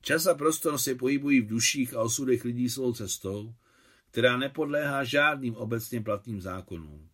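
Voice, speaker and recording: A male narrator reading a literary short story aloud at a measured, even pace. His voice sits in a middle pitch and stays composed and steady from line to line. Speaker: audiobook narrator.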